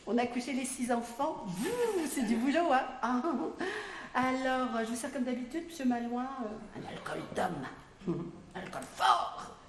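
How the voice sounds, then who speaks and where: Chatty woman doing stage comedy in an echoey theatre. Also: on the high side. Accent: French. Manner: gossipy, bossy, talks to unseen customers in turn. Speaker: comedian performing a one-woman stage show. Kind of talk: stage comedy monologue as a chatty café owner. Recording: echoey live theatre recording.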